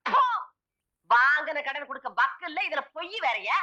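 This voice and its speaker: An actress playing a sharp-tongued village woman who scolds debtors in a film comedy. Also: lively intonation, normal speed, highs cut off, heavily acted. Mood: scolding. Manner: shrill, scolding.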